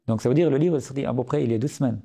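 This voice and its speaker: A Syrian-born man in his late thirties, a guest author on a podcast, speaks French with an Arabic accent, earnest but full of hesitations and restarts. His medium-pitched voice races along, creaky, dark and slightly rough.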